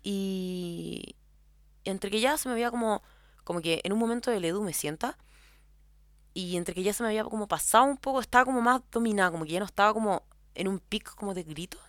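A woman's voice: medium pitch, fairly quick, fairly bright tone, no room sound, clean studio sound. A young woman with a Chilean accent telling a personal story in a casual, rambling way, full of filler words. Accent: Chilean Spanish. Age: young adult.

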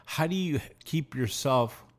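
A man's voice: fairly high pitch, animated, a little slow. A man hosting a podcast, asking long, rambling questions full of restarts. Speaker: podcast host. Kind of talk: casual interview talk.

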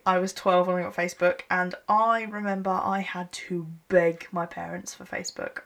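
A woman's voice: mid-range voice, vocal fry, fairly bright tone. A woman, hosting a solo podcast from home in a rambling, self-deprecating chat, a bit sleepy. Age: 20s. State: sleepy, yawning late at night. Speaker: podcast host. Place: her home. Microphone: microphone with laptop.

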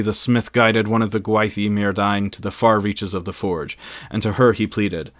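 A man narrating a fantasy story in a solemn, dramatic scripted reading. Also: on the low side. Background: faint music.

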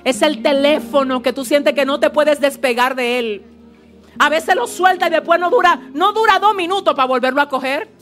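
A woman pastor preaching a fervent, animated sermon in a church service, with asides to the congregation. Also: high voice, normal speed, soft background music.

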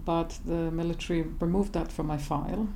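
A woman's voice: on the low side, steady tone, moderate pace, gravelly, mellow, slight background noise. A woman, a psychotherapist speaking candidly and reflectively as an interview guest. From Israel. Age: 50s.

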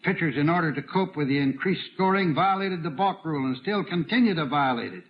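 A man reading scripted radio commentary in a measured, slightly halting way. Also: a little high, lively intonation. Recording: muffled 1950s radio recording.

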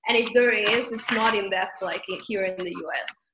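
Speaking at a normal pace in a mid-range voice, a woman from Spain with a Spanish accent chats as a guest in a relaxed interview. Her manner is lively, with frequent laughter, and the room is echoey with noise behind her.

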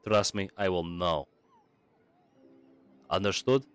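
A man's voice: low-pitched, takes it slowly, fairly bright tone, clear, resonant tone, voice pushed down. A man voicing a strict female shopkeeper with a put-on Russian accent, giving curt, bossy orders. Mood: stern.

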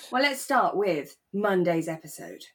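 A British woman co-hosts a podcast, chatting casually about a radio drama in a lowish, slightly rough voice. She's talkative and tends to second-guess her own words.

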